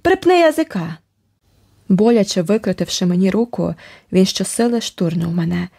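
Female audiobook narrator, mellow, lowish voice, dramatic first-person read. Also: a little fast, vocal fry, slightly rough. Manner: expressive, dramatic storytelling.

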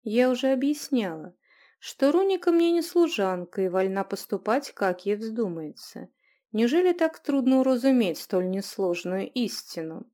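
Woman reader voicing an icy, composed noblewoman, measured and calm, storybook. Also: mid-range voice, lightly acted. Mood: cool. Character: stern composed noblewoman, cold authority.

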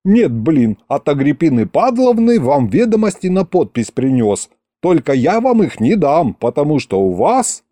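A brash young man full of cheek and slang, voiced by a male audiobook reader. The voice is pushed high and loud with wide swings. It sits on a dark, dry tone. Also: big pitch swings, a little slow, no room sound. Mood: cheeky, brash.

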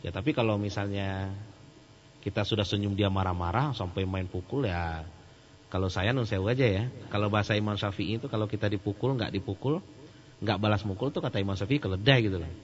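A man giving a casual question-and-answer sermon, joking and animated. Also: lowish voice, fairly quick, long reverb tail. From Sumatra. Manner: joking and animated, laughs at his own jokes. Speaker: Islamic preacher. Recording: muffled lo-fi recording with faint hum.

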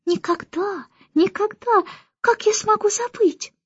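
A woman's voice: a little slow, no echo, lo-fi sound. Woman doing a tiny insistent newborn girl. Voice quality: high, soft cooing.

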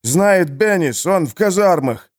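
A man's voice: high voice, animated, measured pace, pitched above the performer's own voice. A man putting on a whining, begging jailer. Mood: pleading. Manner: pleading, whining. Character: cowardly beaten male jailer, sly then begging.

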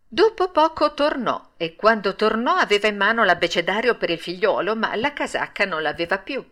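A woman narrates a classic children's story in a lively, lilting voice. Her pitch sits in the middle but swings widely as she tells it, in a clear, storyteller's delivery. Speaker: audiobook narrator.

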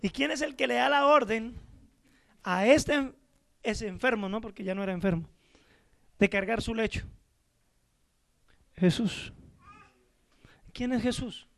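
A man preaches with fervor, firing rhetorical questions at his congregation and calling each one brother. His voice sits unusually high and carries a gravelly edge. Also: measured pace, pauses often, fairly bright tone. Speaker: pastor. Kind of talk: sermon.

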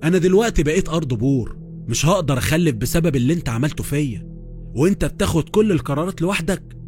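A man voicing a furious, betrayed young wife with an Egyptian accent, shouting accusations. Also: medium pitch, rapid-fire, faint music behind, lightly acted. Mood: furious, accusing.

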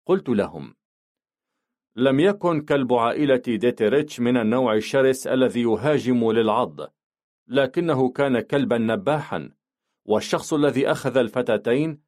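A man narrating a novel for an audiobook in a mid-pitched voice. His delivery is steady and measured. He shifts his tone slightly when quoting other characters.

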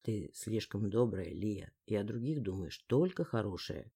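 A woman voicing a hushed remembered man, distant echo. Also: animated, breathy edge, heavily acted. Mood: tender. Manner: hushed, slow and low. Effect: quiet distant echo, a memory heard in the head. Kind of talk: audiobook reading.

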